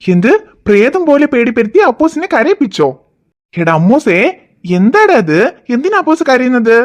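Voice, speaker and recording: A jokey cartoon father, as a woman puts him on, playful and a little bossy with his family. The voice is pushed down into a lower register while still sitting fairly high for a man. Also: sing-song, normal speed. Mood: teasing. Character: teasing good-natured father, grown man. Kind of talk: cartoon voice acting.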